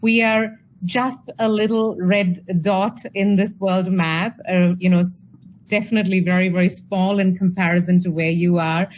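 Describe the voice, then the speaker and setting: A woman's voice: medium pitch, fairly even intonation, normal speed, a little hiss or hum, rough recording. A woman from India giving an online presentation over a video call, chatty and full of fillers and restarts. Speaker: speaker at an online talk.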